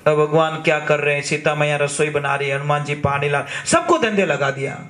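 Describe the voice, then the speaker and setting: A male preacher tells a humorous devotional story, acting out every character. His voice is high, and the sound echoes through a large hall. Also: a little fast, a bit bright. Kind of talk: storytelling sermon.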